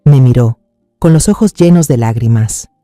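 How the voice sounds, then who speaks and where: A man narrating a family drama in a measured, somber, suspenseful way. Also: medium pitch, dark tone, dry recording, studio quality, faint music behind.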